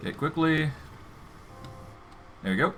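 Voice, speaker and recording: A man's voice: fairly high pitch, animated, measured pace, fairly bright tone, slight background noise. A man streaming a game, casually narrating his own moves as he goes. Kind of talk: casual live gameplay commentary.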